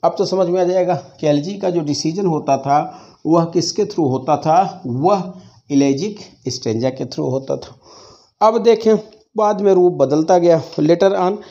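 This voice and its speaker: The audio is a muffled, lo-fi capture of a classroom. In it, a man with a rather high but dark-toned voice teaches English literature, dictating slowly and repeating key phrases while mixing Hindi and English and answering his own questions.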